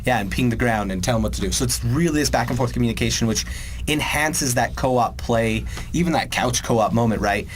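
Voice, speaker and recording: A man's voice: medium pitch, a little fast, slight background noise. A young man, a game producer, chatting casually about design features and acting out player lines. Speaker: game producer co-hosting a dev video series. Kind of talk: casual chat.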